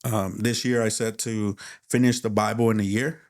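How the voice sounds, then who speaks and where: A man co-hosting a podcast, talking in a relaxed, candid way and laughing easily. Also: fairly low pitch, normal speed. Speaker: podcast co-host. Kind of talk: casual podcast chat.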